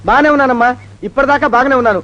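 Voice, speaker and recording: A flustered, panicky comic man who wails and dodges with nervous sarcastic jokes in a film comedy. His voice is very high and strained. The film audio is muffled and lo-fi. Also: very fast, pushed and bright. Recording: dull lo-fi film soundtrack.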